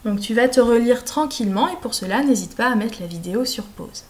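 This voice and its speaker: A woman speaking as a French teacher, carefully enunciating in a didactic, deliberate way as she dictates and explains. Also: a little high, lively intonation. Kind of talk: slow, articulated classroom dictation and explanation.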